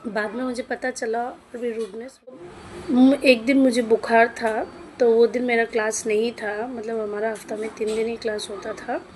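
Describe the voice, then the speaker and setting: A woman's voice: fairly high pitch, little pitch movement, normal speed, darkish tone, slight background noise. A woman in her thirties, an English teacher, telling a personal story in a chatty way and slipping English words into her speech. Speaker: English teacher running her own coaching classes.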